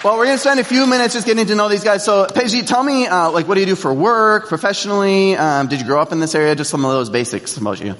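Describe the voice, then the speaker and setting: An upbeat man speaks as a guest preacher, firing off quick encouraging affirmations. His voice sits a little high. Long reverb of a church sanctuary hangs on every word. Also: a bit bright. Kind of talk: casual sermon opening with volunteers.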